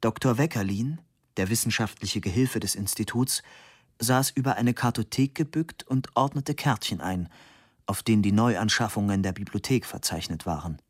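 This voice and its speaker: Husky low-voiced male narrator. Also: dry recording, studio quality. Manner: steady, measured storytelling. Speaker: audiobook narrator. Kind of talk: audiobook narration.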